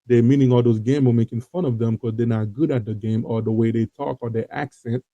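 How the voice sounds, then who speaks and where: A man from Haiti hosts an online talk show, speaking with a Haitian accent in an earnest, informal monologue to viewers, thick with fillers and repetitions. His medium-pitched voice is steady, mellow, and a little fast, heard in a dull, lo-fi, dry recording with no echo.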